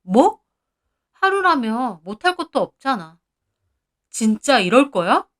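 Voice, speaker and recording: Anxious young husband, pleading and placating, high-ish voice, as a woman reads him. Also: sing-song, measured pace.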